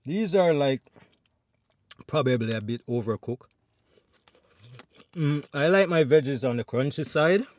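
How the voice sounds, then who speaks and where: A man's voice: fairly high pitch, animated, unhurried, pauses often, a little mellow. A Jamaican man chatting to viewers between bites in a mukbang eating vlog at home. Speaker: food vlogger.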